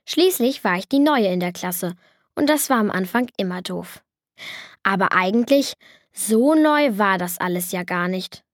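Lively woman reading a kids' audiobook. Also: mid-range voice, measured pace, dry recording, clean studio sound. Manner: lively, expressive. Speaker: audiobook reader. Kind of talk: children's audiobook narration.

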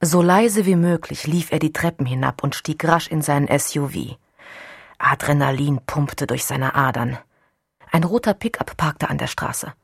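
A woman reading an audiobook as narrator, in an even, unhurried scripted narration. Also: deep voice, vocal fry, breathy edge, no echo, clean studio sound.

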